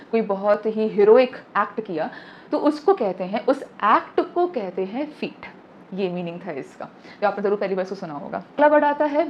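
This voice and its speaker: Woman teaching vocabulary, spelling words out. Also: a little high. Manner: explains slowly, spells words letter by letter, mixes English terms into speech. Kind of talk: online classroom lesson. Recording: slightly dull lo-fi audio with faint background noise.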